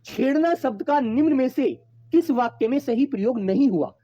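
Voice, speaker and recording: A man's voice: very high voice, lively intonation, normal speed, dark tone, dry recording. A man teaching a Hindi exam-prep class online, calling his students his children and repeating each point patiently.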